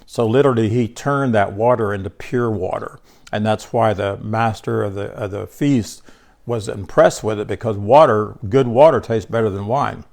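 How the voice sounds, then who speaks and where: With a low-leaning, creaky and slightly mellow voice at a moderate pace, an older man teaches scripture to a small group. His congested, casual delivery includes frequent word restarts and direct address to listeners by name.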